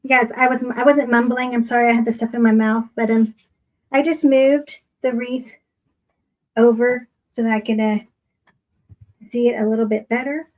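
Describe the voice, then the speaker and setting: Woman craft host, slightly high voice, casual hands-on chatter for a home tutorial. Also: steady tone, normal speed, long pauses, a little mellow, low-quality recording. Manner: chatty, talks to viewers while working hands-on.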